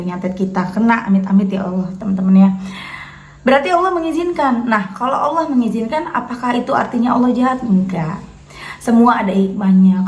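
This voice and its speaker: A woman's voice: medium pitch, a little mellow, roomy sound. A woman host, reading out a viewer's letter and then reflecting on faith, speaking chattily and often addressing her listeners as friends.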